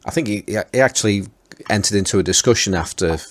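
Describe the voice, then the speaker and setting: A man co-hosting a podcast in casual chat, speaking haltingly with many restarts. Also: on the low side. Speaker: podcast co-host.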